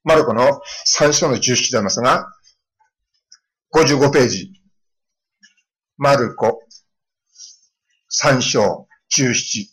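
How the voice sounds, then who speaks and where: A middle-aged male pastor preaching a sermon, telling stories and acting out children's lines in a lively way. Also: mid-range voice, slow, pauses often, slightly rough, rough recording. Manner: storytelling with lively voiced quotes of children.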